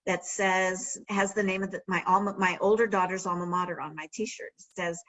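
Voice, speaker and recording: A woman's voice: fairly low pitch, steady tone, brisk, a bit bright, rough recording. A middle-aged woman, an author and former sportswriter, telling anecdotes in a conversational library talk and often restarting her sentences. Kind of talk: storytelling talk.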